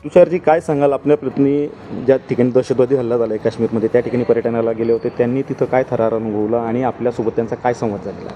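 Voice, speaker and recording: Fast-talking male news reporter. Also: medium pitch, flat delivery, warm tone, faint music behind. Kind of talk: interview questions.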